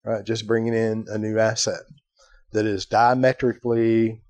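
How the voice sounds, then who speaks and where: Low-voiced man telling a story. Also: little pitch movement, moderate pace, a little mellow, dry recording. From Ireland. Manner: storytelling, acts out quoted voices, fillers like "right?". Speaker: podcast host. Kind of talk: casual conversation.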